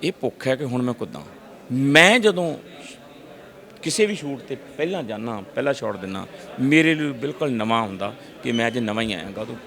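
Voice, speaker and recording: A middle-aged man, telling lively stories in an interview and acting out voices. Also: mid-range voice, brisk, vocal fry. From Punjab, India. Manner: lively storyteller, acts out voices, frequent restarts. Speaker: actor interviewee. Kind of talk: animated casual interview talk.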